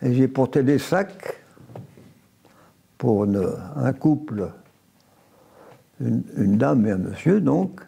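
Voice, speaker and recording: Here a veteran in his nineties recounts his life with an expressive, mellow voice at medium pitch, touched by vocal fry and slight roughness. Originally from France, he grew up near Évian following early childhood in Italy. His storytelling is unhurried, full of restarts and self-corrections.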